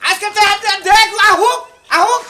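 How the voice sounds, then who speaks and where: A man's voice: very high-pitched, normal speed. A man playing a blustering moneylender. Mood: angry. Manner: blustering, scolding. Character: pushy male creditor chasing a debt. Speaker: moneylender demanding repayment. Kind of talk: comic sketch acting. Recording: noticeable background noise.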